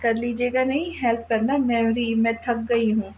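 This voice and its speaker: A woman voicing a shy, affectionate young wife in a storybook reading, soft and sheepish. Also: a little high, steady tone, normal speed, highs cut off, a little hiss or hum, close to an everyday voice.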